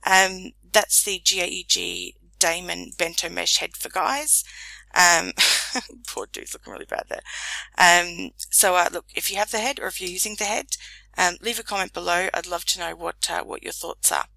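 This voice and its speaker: A woman's voice: lowish voice, steady tone, moderate pace, gravelly, bright, forceful tone, no echo, poor audio. A woman giving a casual, rambling product review, with many ums, while losing her voice. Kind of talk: casual screen-recorded review.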